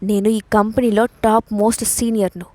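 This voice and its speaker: A woman's voice: mid-range voice, level tone, moderate pace, dark tone, dry recording, natural voice. A woman reading the part of an arrogant, scheming older woman in an audio story, speaking angrily and boastfully. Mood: furious. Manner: angry, boastful.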